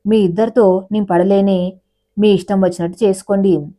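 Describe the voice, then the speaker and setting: A woman's voice: mid-range voice, fairly even intonation, normal speed, mellow, close to an everyday voice. A woman voicing a teasing, wry mother in a family story.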